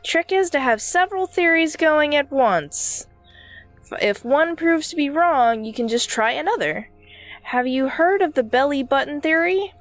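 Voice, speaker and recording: A woman's voice: high-pitched, expressive, measured pace, fairly bright tone, no echo, soft background music, pitched above the performer's own voice. A woman reading game dialogue aloud, voicing a baby character as a world-weary old man who rambles through his stories.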